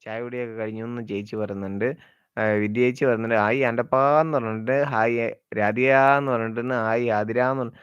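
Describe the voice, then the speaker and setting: A man's voice: medium pitch, flat delivery, fast talker, clean tone, no room sound. A man hosting a casual live stream, chatting, teasing and greeting viewers by name as he reads their comments. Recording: dry, slightly dull sound.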